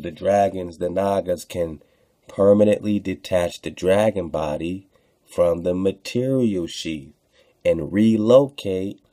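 In a low-pitched, dark-toned voice, a man hosting online radio reads texts aloud with casual commentary. He addresses listeners in slang and repeats phrases for emphasis.

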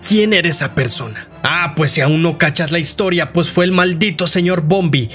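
A man, slightly hoarse, casually narrating a video game's story in a slangy, outspoken way and talking straight to his viewers. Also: fairly high pitch, normal speed, fairly bright tone, faint music behind. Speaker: YouTube game lore narrator.

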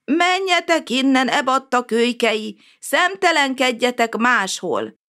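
A woman voicing a grumpy, injured old male cockroach neighbor in a storybook, speaking slowly and drawing out her words. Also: high voice, level tone, vocal fry, a bit bright, voice pushed up. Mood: irritable. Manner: grouchy then apologetic, slow and drawn out.

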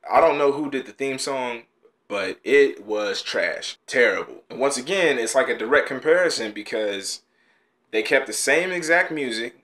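A young man with a slightly bright, mid-range voice hosts a casual reaction video from a small bedroom studio at home. He's blunt and exasperated, sighing and groaning often.

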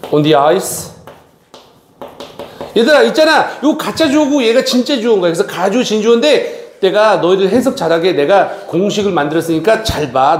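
A man's voice: a little high, a little mellow. A middle-aged man teaching an English grammar lesson in a classroom, constantly addressing his students and checking with tag questions. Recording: echoey classroom.

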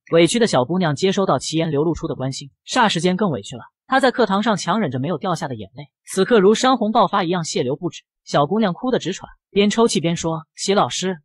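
A man tells a comic story in quick, animated narration, his voice high and slightly breathy. The sound is dry, with the mic close. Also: dry recording. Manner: brisk storytelling. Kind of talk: scripted narration.

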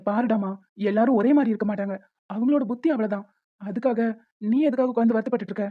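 A woman voicing a gentle young husband in a cartoon, soothing and reassuring his wife. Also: a little high, rapid-fire, narrow, tinny audio, close to an everyday voice. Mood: comforting.

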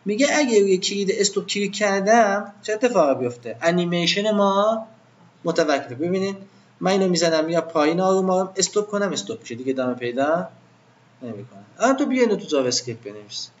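High-voiced man teaching a class. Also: animated, highs cut off, a little hiss or hum. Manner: informal, questions the class and answers himself. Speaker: web design teacher. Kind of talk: live classroom lesson.

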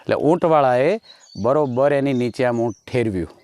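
A man's voice: mid-range voice, animated, normal speed, a little mellow, no echo. A man, a stand-up comedian, telling folk jokes in a rustic dialect and acting out each character in the story.

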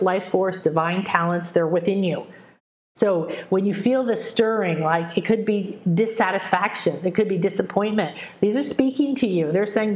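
A woman speaking as a spiritual guide, giving a meditative talk in a gentle, soothing, instructive manner. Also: medium pitch.

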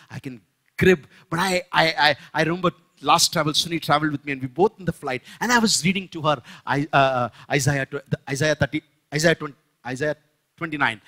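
A man with an Indian English accent preaches in church with an emphatic, swooping delivery. His voice sits high and bright, with a slightly husky edge, and now and then it climbs almost to a shout. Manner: emphatic, rising to shouts on key phrases. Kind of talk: sermon.

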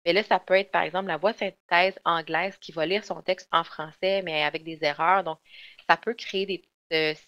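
Lower-pitched woman giving a webinar. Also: fairly even intonation, normal speed, fairly bright tone, clear, resonant tone. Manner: explanatory, with frequent fillers and restarts. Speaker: software trainer. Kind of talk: webinar presentation. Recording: dull lo-fi online webinar audio.

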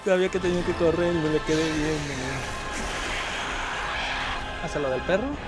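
A young man with a Mexican accent giving excitable live commentary while playing a video game, with sudden shouted outbursts and slang. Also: fairly high pitch, moderate pace, loud music behind the voice, rough recording. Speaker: streamer.

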